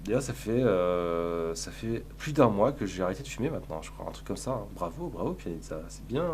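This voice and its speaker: A man's voice: low-pitched, lively intonation, fairly quick, slight background noise. A man streaming live, chatting casually in a crude, sarcastic, rambling way while answering his chat.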